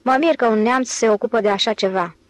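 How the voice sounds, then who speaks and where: A woman's voice: a little high, no echo, lightly acted. A woman reading the part of a vain, scheming male office clerk in an audiobook, talking self-importantly.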